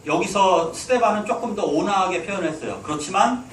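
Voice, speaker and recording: Preaching a sermon in his church sanctuary, a pastor with a high, expressive voice speaks fairly quickly, exhorting the listeners with rhetorical questions. The echoey hall is recorded from a distant mic, with slight background noise.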